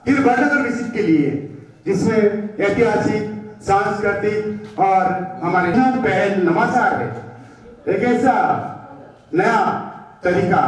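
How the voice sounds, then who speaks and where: High-voiced man announcing in echoey hall. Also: distant mic. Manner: slow, declamatory, halting phrases. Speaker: event anchor. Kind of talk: formal stage announcing.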